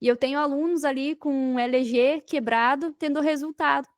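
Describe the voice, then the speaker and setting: A Brazilian Portuguese-accented woman, a digital marketing entrepreneur appearing as a podcast guest, tells her story with emphasis, repeating phrases and posing rhetorical questions in a conversational interview. Her voice sits high with fairly even intonation and a normal speed. The studio-quality recording has no echo.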